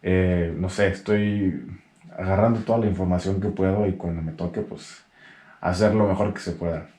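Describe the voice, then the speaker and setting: A young Mexican man with a Mexican Spanish accent, hosting a casual chat in a relaxed, joking way full of slang. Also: sits low, moderate pace, roomy sound. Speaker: podcast host.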